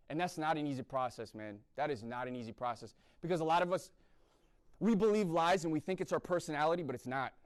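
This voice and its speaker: A young man from the East Coast of the US gives a blunt talk like a sermon at a university chapel event, often tossing in "right?". His voice is medium in pitch with a clean tone.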